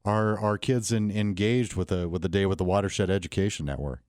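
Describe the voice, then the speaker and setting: A man's voice: deep voice, fairly quick, darkish tone, smooth, no echo, studio quality. A man hosting an interview, asking rambling questions with many stops and restarts. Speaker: radio show host.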